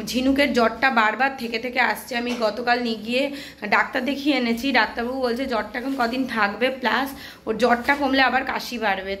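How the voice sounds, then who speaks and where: A woman from Kolkata talks casually to her camera at home. Her voice is hoarse and a little high, and her rambling, weary talk sounds fretful. Faint noise sits behind her. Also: fairly bright tone. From Kolkata, West Bengal. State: hoarse, sore throat. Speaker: vlogger, mother of a baby. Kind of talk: casual home vlog chat. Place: home indoors.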